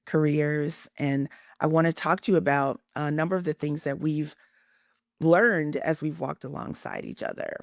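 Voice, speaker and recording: Woman host with a bit of a gravelly voice, friendly and playful, dry close mic. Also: deep voice, sing-song, normal speed, no echo. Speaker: podcast host. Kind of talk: podcast interview.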